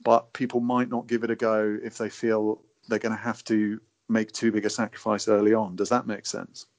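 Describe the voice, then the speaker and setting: Halting man, low muffled voice. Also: little pitch movement, a little mellow. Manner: hesitant, halting, repeats words. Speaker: natural navigation advocate, guest. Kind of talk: thoughtful conversation. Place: indoors in a wooden cabin. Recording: dull, muffled lo-fi audio.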